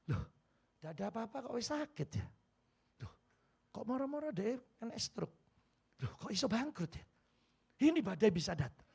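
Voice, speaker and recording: A man's voice: sits high, creaky, a bit bright. A male pastor with an East Javanese accent preaching a sermon, acting out little scenes and slipping into Javanese phrases. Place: church hall.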